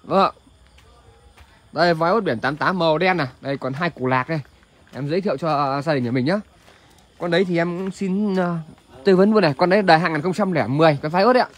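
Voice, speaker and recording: A man with a northern Vietnamese accent pitching as a used car salesman on a livestream, chatting to viewers with repeated filler tags. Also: quick pace. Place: large covered open-air car lot at night. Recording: noisy outdoor car lot ambience.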